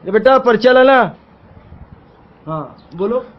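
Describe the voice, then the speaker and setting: High-voiced, short-tempered shopkeeper man. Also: expressive, takes it slowly. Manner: impatient, erupts into crude swearing. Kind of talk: comic phone sketch. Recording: dull lo-fi audio.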